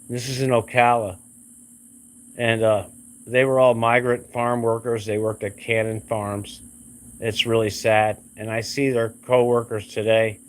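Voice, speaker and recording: Blunt rambling man vlogging outdoors. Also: medium pitch. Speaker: realtor vlogger. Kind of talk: casual vlog rant. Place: outdoors by a road.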